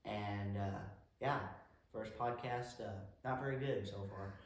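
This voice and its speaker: A man's voice: fairly low pitch, steady tone, a little slow. Rambling young man in an echoey room. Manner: rambling, restarts, searching for words. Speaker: podcast co-host. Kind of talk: casual podcast chat. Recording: very echoey room with faint noise.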